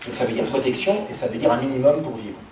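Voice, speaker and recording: A man's voice: mid-range voice, fast talker, darkish tone. A man giving structured, explanatory answers as a political speaker at a public meeting. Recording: very echoey room, distant, faint noise.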